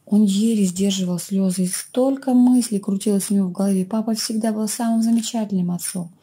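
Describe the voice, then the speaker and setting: A woman reading a children's fairy tale aloud in a gentle, expressive storytelling way. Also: medium pitch, fairly quick, husky. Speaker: children's librarian reader.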